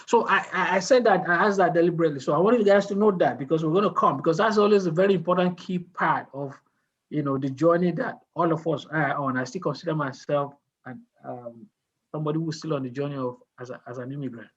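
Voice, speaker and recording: Husky man mentoring on a call. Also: a little high, fast, lo-fi sound. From Nigeria. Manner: conversational, asks the group questions, tells stories with restarts. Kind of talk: casual mentoring talk on a video call.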